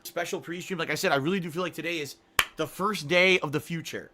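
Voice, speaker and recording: A middle-aged man chatting casually on a livestream, reading viewer messages, rambling with frequent restarts and throat clearing. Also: on the high side, quick pace, pushed and bright. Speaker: streamer.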